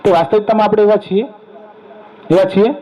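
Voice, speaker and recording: A man's voice: high voice, fairly even intonation, fast talker, warm tone. A man giving a sermon to an assembly, telling stories with quoted dialogue and questioning his listeners directly. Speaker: religious discourse speaker. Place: assembly hall. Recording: dull lo-fi sound.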